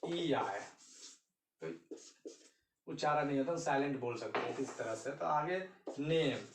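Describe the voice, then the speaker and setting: A man's voice: a little high, roomy sound, far from the mic. A man with a Bihari Hindi accent, teaching English pronunciation in Hindi. He spells words letter by letter and checks that the viewer is following. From India.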